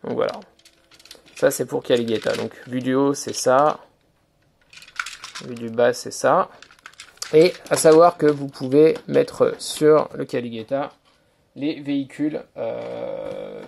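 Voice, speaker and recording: Gravelly man demoing a toy. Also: medium pitch, darkish tone, slight background noise. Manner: hesitant, filler-heavy explaining, "donc voilà"; talks to camera while handling a toy. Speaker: toy reviewer. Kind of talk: hands-on toy review demonstration.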